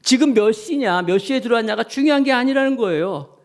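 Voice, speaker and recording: A man preaching a Sunday sermon as the pastor of his church, animated, acting out the voices of the people in his stories. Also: very high-pitched, a little fast.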